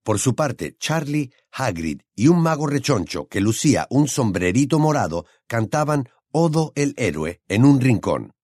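A man reads an audiobook in a steady, expressive storytelling voice of medium pitch. His intonation rises and falls with lively variety. The recording is dry and close, with no room sound. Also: a little slow, hardly any pauses, no echo. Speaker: audiobook narrator. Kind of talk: scripted audiobook narration.

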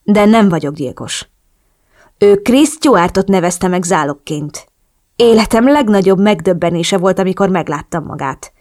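A woman reading the lines of a cold, calculating male drug cartel boss in an audiobook, in a cool, measured, blunt manner. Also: mid-range voice, lively intonation, darkish tone, lightly acted.

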